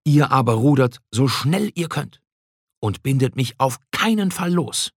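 Man putting on a furious storybook sea king, high strained shouts, husky, dry sound. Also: lively intonation, a little slow, no echo. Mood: commanding. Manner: shouted, commanding, frantic pleading. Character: Greek king at sea, desperate and raging man.

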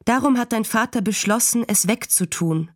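A woman's voice: a little high, moderate pace, no echo, clean studio sound, close to an everyday voice. A woman doing a firm farm mother. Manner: calm and firm.

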